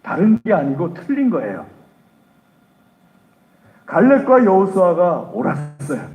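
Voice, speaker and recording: A man's voice: sits high, wildly swooping pitch, a little slow, a little mellow, roomy sound, distant mic, rough recording. A man preaching a sermon as pastor, telling the story dramatically and acting out the quoted voices. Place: church sanctuary.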